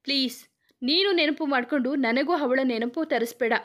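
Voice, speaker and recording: A woman's voice: high-pitched, moderate pace, close to an everyday voice. A woman voicing a young wife and mother with a teasing, fretful manner. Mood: pleading.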